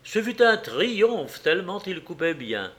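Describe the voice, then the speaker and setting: A man narrating a classic novel as an audiobook, with a measured, expressive delivery. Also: high voice. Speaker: audiobook reader.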